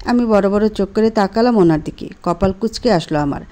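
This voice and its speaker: A woman reading a romantic story aloud in the first person, with a gentle, expressive delivery. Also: medium pitch, a little fast.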